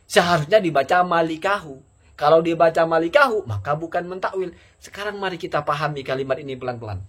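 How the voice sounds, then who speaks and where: A man lays out a rebuttal one logical step at a time, posing rhetorical questions and answering them himself. His voice sits fairly high for a man, and his delivery is casual and conversational. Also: fast talker, a bit bright. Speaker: commentator rebutting a preacher. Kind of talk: casual argumentative commentary.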